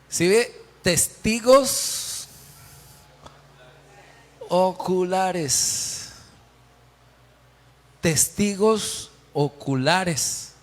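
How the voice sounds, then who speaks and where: A man preaching a sermon as pastor, emphatic, quizzing the congregation with repeated questions. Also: high voice. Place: church hall. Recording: long church hall reverb.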